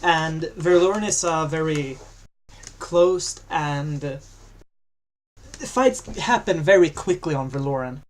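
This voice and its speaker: A man's voice: on the high side, slow. A man casting a video game match, chatty and jokey, lifting his voice when fights break out. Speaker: esports commentator. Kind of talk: casual game commentary.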